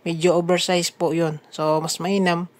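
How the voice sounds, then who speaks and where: A Filipino woman who builds DIY speaker boxes and hosts a vlog narrates a hands-on how-to video, explaining the work step by step. Her fairly low voice stays fairly flat in pitch at a moderate pace, and she chats casually, often addressing viewers as a group of friends.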